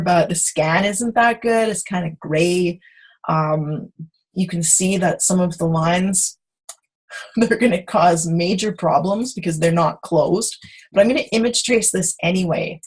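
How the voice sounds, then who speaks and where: A woman teaching design software on a video call, chatty and self-correcting as she demonstrates. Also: lowish voice, breathy edge, poor audio. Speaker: software instructor. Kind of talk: screen-share tutorial.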